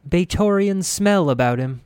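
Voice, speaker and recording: A man voicing a soft-spoken, high-pitched female healer. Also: lively intonation, smooth, no room sound, clean studio sound. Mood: wary curiosity. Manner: soft, measured, formal speech. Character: elderly wise female healer, calm and gentle. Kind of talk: audiobook character voice.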